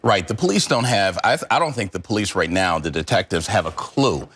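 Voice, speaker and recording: Measured middle-aged man in a TV interview. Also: lowish voice, lively intonation, fairly bright tone, slightly rough. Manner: measured, emphatic, repeats key words. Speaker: former homicide detective, TV news contributor. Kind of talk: live TV news interview.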